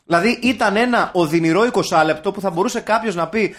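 A man, co-hosting a podcast in casual, animated banter about films, swearing and bursting into mock-shouted quotes. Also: high voice. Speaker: podcast co-host.

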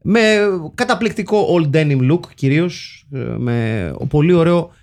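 A man in his forties whose voice sits on the high side, talking through a film with his co-hosts. He jokes in a dry, unhurried way. His pauses stretch out before the next point lands. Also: big pitch swings, darkish tone. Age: 40s. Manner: dry, joking, drawn-out hesitations. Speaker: podcast co-host. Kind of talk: casual film chat.

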